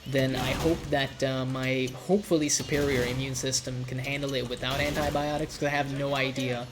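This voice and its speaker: A man with a nasal, congested voice from a cold, giving rambling, relaxed commentary while streaming a game. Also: medium pitch, normal speed, noisy background. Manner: rambling, relaxed, swears casually. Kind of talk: casual gameplay commentary.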